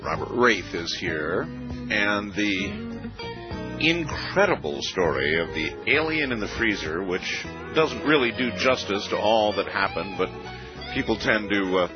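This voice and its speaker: A man hosting a late-night call-in radio show with a smooth radio-host delivery, relaxed and conversational, pausing on "uh" now and then. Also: lowish voice. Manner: relaxed, conversational, with frequent "uh" pauses. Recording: muffled radio broadcast with faint music.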